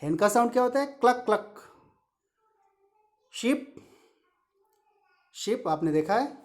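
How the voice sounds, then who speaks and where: A woman's voice: fairly high pitch, animated, normal speed, a little mellow. A woman teaching young children animal sounds, spelling each word letter by letter and imitating the calls.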